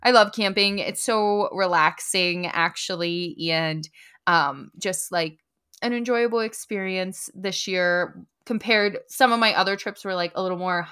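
A woman's voice: lowish voice, a little slow, pushed and bright, clean tone. A young adult woman co-hosting a podcast, chatting casually in an upbeat way and laughing often. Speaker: podcast co-host. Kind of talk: casual chat.

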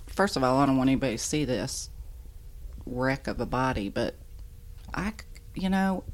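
A middle-aged woman chatting casually as a podcast guest, animated, candid and self-deprecating. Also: very deep voice, moderate pace. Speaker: podcast guest, the host's mother. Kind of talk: casual interview chat. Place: indoors at a dining room table at home.

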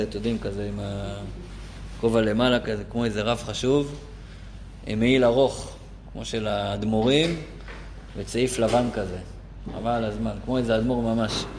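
A man teaching a lesson to a live class, telling a story animatedly, his voice jumping up for emphasis. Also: slight background noise. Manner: animated, pitch jumps up for emphasis. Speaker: Torah teacher.

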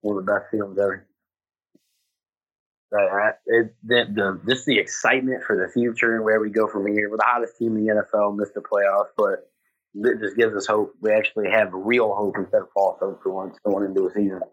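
A man's voice: on the low side, flat delivery, brisk, a bit bright, husky. A man on a video call, a football fan talking bluntly and swearing freely in a casual interview, his audio sometimes breaking up. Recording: dull lo-fi video call line.

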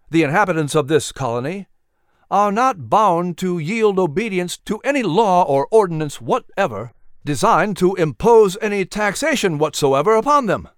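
A defiant colonial orator declaims formal resolutions with rising force, as a male narrator plays him. His pitch sits a little high and moves a lot. The sound is close and dry. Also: no room sound.

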